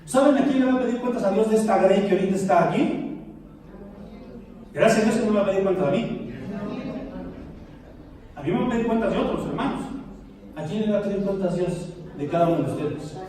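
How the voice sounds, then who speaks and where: A man's voice: sits high, brisk, long pauses, warm tone. A middle-aged man with a Mexican accent preaching a sermon, telling humorous stories and speaking straight to his congregation. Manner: storytelling, humorous asides to the congregation. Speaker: pastor. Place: church sanctuary. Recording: echoey church hall, mic far off, faint noise.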